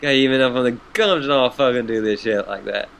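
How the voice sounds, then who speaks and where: A man's voice: mid-range voice, fast talker, creaky, a bit bright, slight background noise. A man voicing a laid-back, stoned male clown troll who drawls, swears and honks. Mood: mellow.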